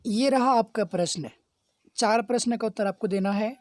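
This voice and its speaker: A man's voice: high-pitched, darkish tone, no echo, clean studio sound. A male teacher giving a step-by-step grammar revision lesson, often asking students whether they follow. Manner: keeps checking understanding with quick questions; explains step by step, answering his own questions.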